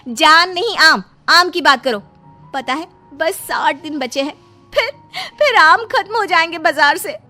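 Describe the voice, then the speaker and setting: A woman's voice: sits high, moderate pace, a bit bright, faint music behind. A woman voicing a cheeky young daughter-in-law in a cartoon, coaxing and whiny about mangoes.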